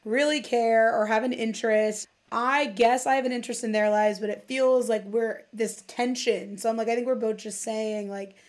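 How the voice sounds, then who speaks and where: A woman's voice: fairly high pitch, normal speed, few pauses. A woman in her late twenties hosting a casual chat, talking with lots of "like" and acting out quotes. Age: late 20s. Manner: chatty, fillers of "like", animated quoting. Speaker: host.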